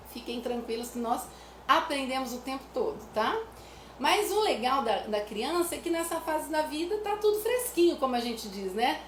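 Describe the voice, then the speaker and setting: Explaining children's music activities to parents, this Brazilian music teacher sits high in pitch and keeps things chatty, repeatedly tacking on "né?". She sings nursery rhymes to illustrate her points, recorded in an echoey room with faint noise.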